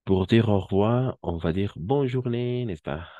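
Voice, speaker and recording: A male language teacher with a very low, dark voice who talks slowly and patiently. He repeats words and corrects pronunciation. The sound is dry and close. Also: dry recording, highs cut off. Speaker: French teacher. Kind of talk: language class instruction.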